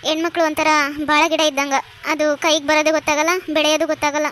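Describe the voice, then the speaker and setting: Woman voicing a cartoon bride's mother, very high voice, flat tone, heavy-hearted. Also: quick pace, a little hiss or hum. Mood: sorrowful. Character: sorrowful middle-aged mother of the bride. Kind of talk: cartoon voice acting.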